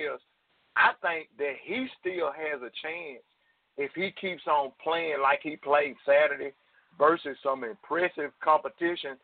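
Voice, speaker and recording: A man's voice: on the high side, no echo. A man calling in to a sports radio show over the phone, chatting casually and earnestly asking the host's opinion. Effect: heard over the phone. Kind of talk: casual call-in chat. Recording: tinny phone line, dry.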